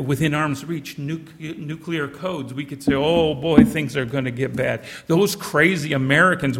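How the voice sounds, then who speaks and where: A Canadian-born man preaching a sermon in a church, earnest and measured, slowing down to stress key phrases. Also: fairly high pitch, gravelly. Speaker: pastor. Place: church sanctuary. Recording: reverberant church hall.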